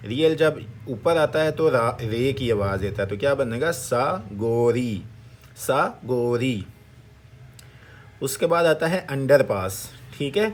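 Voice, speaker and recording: Guy teaching a language lesson, mid voice, sounds out syllables slow and repeats em. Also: medium pitch, darkish tone. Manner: slow, repetitive syllable-by-syllable drilling with questions to viewers. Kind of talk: Korean vocabulary lesson in Urdu.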